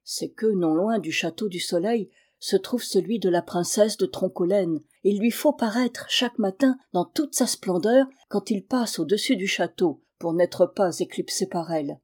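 A woman's voice: mid-range voice, moderate pace, few pauses, a little mellow, husky, close to an everyday voice. A woman reading aloud and voicing a humble young shepherd who answers earnestly.

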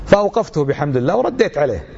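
A man's voice: a little high, sing-song, racing, creaky, a little mellow, muffled recording, a little hiss or hum. A middle-aged man giving an emphatic religious lecture, full of rhetorical questions.

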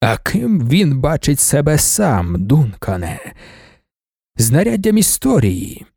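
A man voicing an ancient, imperious male god-emperor in an audiobook, speaking in a slow, measured, commanding way. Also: fairly high pitch, wildly swooping pitch, vocal fry, dark tone, breathy edge, no echo, studio quality, heavily acted. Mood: lecturing. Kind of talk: audiobook character voice.

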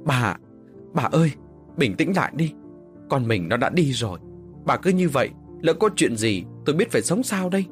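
A man's voice: mid-range voice, very animated, normal speed, soft background music, lightly acted. A distraught father begs his wife to hold herself together, played by a male narrator. His voice rises with strain. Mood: pleading. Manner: pleading, distraught.

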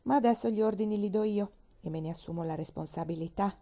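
A woman reading aloud, voicing a kindly male country doctor who speaks calmly and reassuringly. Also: medium pitch, quick pace, close to an everyday voice. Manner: calm, reassuring, unruffled.

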